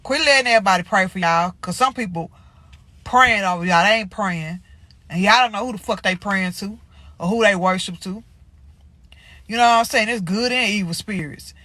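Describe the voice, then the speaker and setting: A woman with a mid-range, bright, pushed voice talks a little fast as she hosts a spiritual channel, addressing viewers casually and bluntly with slang and swearing. Allergies leave her sounding slightly congested, and there's no echo.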